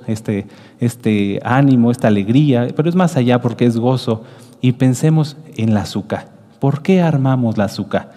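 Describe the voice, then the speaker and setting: A man preaching to his congregation in a mellow, unhurried voice, walking his listeners through each point and checking in with a quick rising "¿sí?". His words ring out with the long reverb of a congregation hall. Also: mid-range voice. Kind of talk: sermon. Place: congregation hall with a booth of branches.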